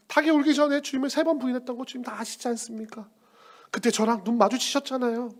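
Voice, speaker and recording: A pastor playing a remorseful grown disciple who pleads and reproaches himself after failing. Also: male voice, very high-pitched, fairly bright tone, voice pushed up. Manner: pleading, self-reproaching confession. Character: remorseful grown man disciple, broken by failure.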